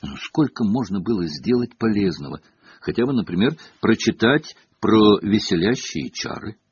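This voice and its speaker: A man voicing a clever, scornful schoolgirl who is quick to anger and talks sharply and indignantly. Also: fairly low pitch, expressive, a little mellow, husky, no room sound. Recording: dull lo-fi cassette audio.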